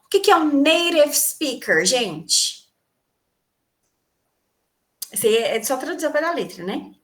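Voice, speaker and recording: A high-pitched woman speaks with a Brazilian Portuguese accent as she teaches an English class. She explains terms to her students and keeps asking them rhetorical questions. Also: very animated, unhurried, fairly bright tone. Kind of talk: online class lecture.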